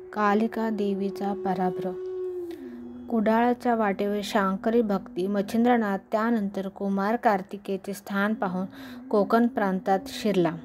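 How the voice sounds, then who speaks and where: A woman recites a devotional scripture in an even, steady reading voice. Her pitch sits in a middle range. A clear layer of noise runs behind her. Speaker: scripture reader.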